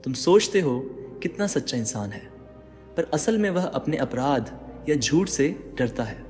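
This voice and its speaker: Male narrator, dramatic motivational delivery, mid-pitched, long reverb, faint music behind. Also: expressive, measured pace, a little mellow. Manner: addresses the listener directly with rhetorical questions.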